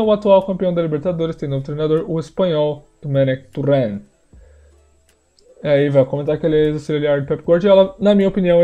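Male teacher, slightly high, mellow, patient explainer, faint music under the voice. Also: highs cut off. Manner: explanatory, repeats words slowly for learners. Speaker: language teacher. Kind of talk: screen-share pronunciation lesson.

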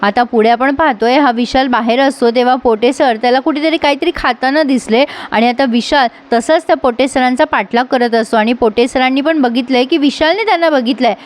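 A woman with a high voice talks through the plot of a TV serial episode as a casual recap. Her narration is chatty and keeps moving scene by scene. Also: a little fast, hardly any pauses. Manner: chatty narration with frequent "now".

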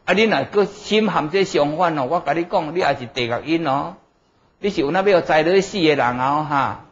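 A middle-aged Buddhist monk with a Taiwanese Hokkien accent lectures in a somewhat high male voice. He teaches didactically, punctuating his points with short interjections and questions to check understanding. The recording is a little dull and lo-fi. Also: fairly quick. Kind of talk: Dharma lecture. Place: indoor lecture room at a desk before a blackboard.

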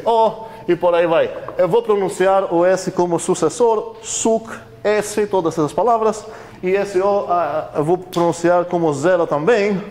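A man's voice: sits high, darkish tone. A man lecturing a university class in a conversational way, questioning the students often, with many fillers.

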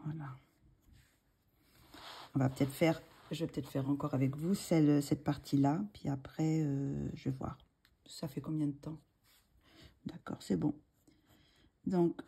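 While drawing, a woman hosts a casual coloring tutorial, speaking hesitantly with many fillers and restarts and murmuring asides as she works. Her fairly low voice is gravelly, dark and husky, with a slight frog in her throat.

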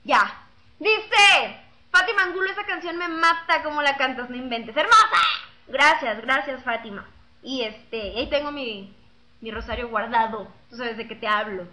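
A woman's voice: high-pitched, normal speed, bright, forceful tone. A young woman with a Mexican accent chatting casually over a webcam, telling jokes, singing and reading out fan messages in a slangy way. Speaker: singer chatting with fans. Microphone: webcam mic.

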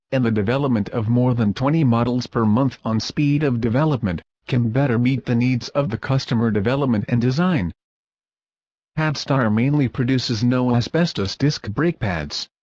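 A corporate video narrator with a medium-pitched, somewhat dark voice reads a scripted promo for a factory. His English is stiff and awkward, as if written by a non-native speaker. The recording is dry, dull and lo-fi, with no echo.

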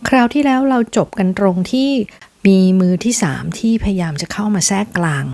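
A woman's voice: medium pitch, expressive, fairly quick, darkish tone, no room sound. A woman hosting a storytelling podcast, retelling a novel in a chatty, emotional way with gossipy asides.

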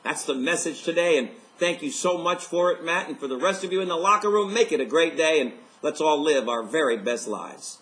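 Upbeat middle-aged man, higher voice. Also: expressive, a little fast, few pauses, a bit bright. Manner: upbeat, enthusiastic, speaks straight to camera. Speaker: life coach host. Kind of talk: motivational video message.

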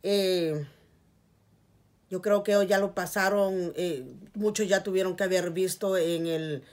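Middle-aged woman, Guatemalan accent, earnest pleading vlog talk, lowish voice, small room. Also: fairly even intonation, takes it slowly, darkish tone. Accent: Guatemalan Spanish. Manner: earnest, pleading, repeats "please, guys". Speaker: vlogger. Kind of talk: casual heartfelt appeal to viewers. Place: small indoor room with curtains.

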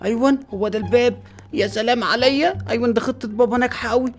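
A performer voicing an excitable boy in a superhero suit, speaking fast Egyptian Arabic with breathless, endless questions. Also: medium pitch, lightly acted. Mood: giddy. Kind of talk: Roblox movie voice acting.

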